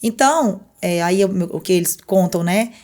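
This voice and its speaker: A woman's voice: mid-range voice, moderate pace. A woman, a podcast guest telling her story in a casual interview and acting out what others said. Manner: animated storyteller who acts out other people's words.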